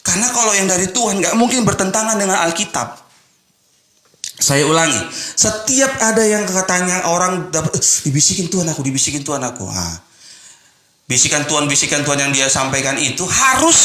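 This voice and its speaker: A male pastor giving a lively, conversational sermon, mixing exhortation with slangy asides. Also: sits high, normal speed, echoey room.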